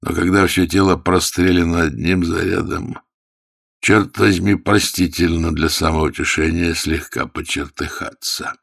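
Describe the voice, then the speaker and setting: A man voicing a calm, composed mercenary captain who speaks in an unhurried way. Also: low-pitched, vocal fry, breathy edge, heavily acted. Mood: wry.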